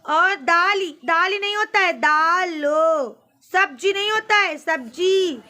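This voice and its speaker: A woman tutor checking her pupils' homework, sternly correcting their mistakes and slowly spelling words out letter by letter. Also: very high voice, pushed and bright. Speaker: home tutor.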